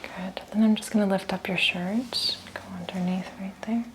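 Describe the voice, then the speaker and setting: A woman clinician in an ASMR-style medical exam, whispering gentle step-by-step instructions to her patient. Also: medium pitch, steady tone, normal speed, a little hiss or hum. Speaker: clinician giving a physical exam.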